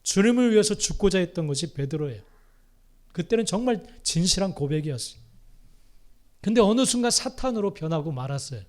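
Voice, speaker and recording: A pastor delivering a sermon, dramatically acting out quoted lines with sudden swings between loud and hushed. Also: male voice, high voice, expressive, brisk.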